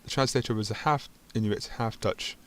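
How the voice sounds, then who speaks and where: Low flat-voiced man reading game text. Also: normal speed. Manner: stumbling reading with dry asides. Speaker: gaming channel host.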